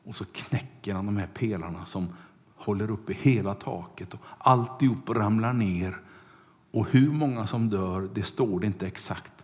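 A man preaching a sermon, retelling a Bible story with loud bursts and hushed asides. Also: fairly low pitch. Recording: long hall reverb.

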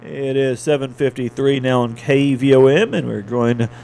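A man's voice: mid-range voice, normal speed, creaky, warm tone. A man anchoring a local radio newscast, reading sports scores and weather from a script in a studio.

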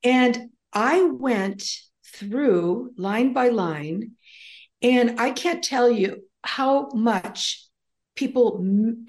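This Greek-born author from the United States, now older, rambles as a guest in a relaxed interview, full of ums and false starts. Her voice sits at medium pitch with a somewhat dark color.

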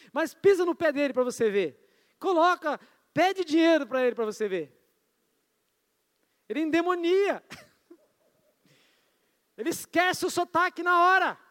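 A man's voice: very high voice, a bit bright. A man with a Brazilian Portuguese accent preaching a sermon in a casual, conversational way, often prompting the congregation. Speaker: pastor. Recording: long church-hall reverb.

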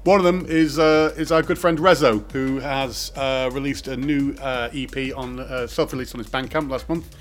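A man hosts a podcast in a loose, rambling way, full of "uh" and jokes. His pitch sits at an ordinary middle level. Faint music plays underneath. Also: steady tone, moderate pace. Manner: rambling, jokey, full of fillers. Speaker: podcast host. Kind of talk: casual chat. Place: remote call. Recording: music playing behind.

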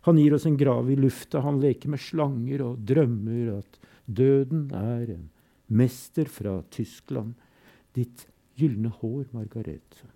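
A man recites poems in a slow, solemn way, leaving long pauses between lines. His voice is gravelly and very dark, with a mellow, low warmth. Between poems he adds short spoken comments. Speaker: poetry reader and commentator. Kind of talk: reading poems aloud with brief commentary.

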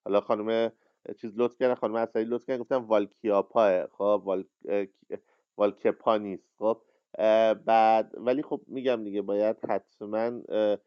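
A man leads a literary workshop, talking in a loose, rambling way full of pauses and fillers. His voice is smooth and clear, mid-pitched. The sound is dry and dull, like a lo-fi online audio room. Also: steady tone, no echo. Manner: rambling, hesitant, many fillers. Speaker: workshop host. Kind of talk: casual lecture on a live audio chat.

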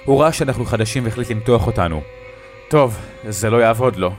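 A man voicing a tough, hot-tempered middle-aged father who barks short, loud orders, read as part of a spoken horror story. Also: medium pitch, over music, natural voice. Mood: angry.

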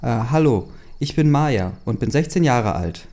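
A man's voice: medium pitch, expressive, unhurried, mellow, close to an everyday voice. A man reading the lines of a shy, clumsy sixteen-year-old schoolgirl in a hesitant, plain reading voice with fillers. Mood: flustered.

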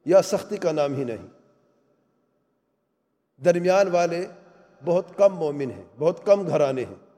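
An earnest man lecturing on faith and family, his voice sitting fairly high yet sounding soft and mellow. He presses each point with emphatic rhetorical questions, and his words ring out with the long reverb of a large hall. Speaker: Islamic lecturer. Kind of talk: religious talk on family life.

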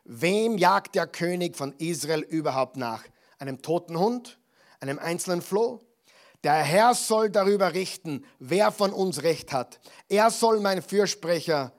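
Ein Mann, der David als jungen Krieger spricht, ernst und eindringlich, der seine Unschuld beteuert. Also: male voice, high voice, lively intonation, unhurried, voice pushed up. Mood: indignant. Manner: earnest, raised and emphatic. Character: young warrior David pleading his innocence, man.

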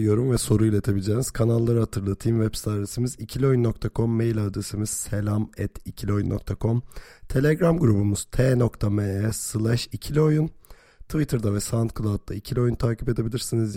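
A man hosts a casual sports talk show in a mellow, slightly hoarse voice. His pitch sits on the low side and his delivery is jokey and self-deprecating. The sound is very dry, with no room to it. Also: dry recording. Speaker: podcast host.

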